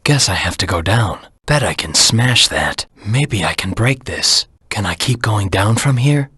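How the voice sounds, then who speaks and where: A brooding, proud hedgehog antihero from a video game. The voice is low and heavily rasped, recorded very dry and close. He speaks in a grim, terse, self-serious way. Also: animated, measured pace, pushed and bright, no room sound, exaggerated voice. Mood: cocky, determined. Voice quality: low, husky rasp. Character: brooding, proud anthropomorphic hedgehog antihero, the ultimate life form. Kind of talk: video game character voice lines.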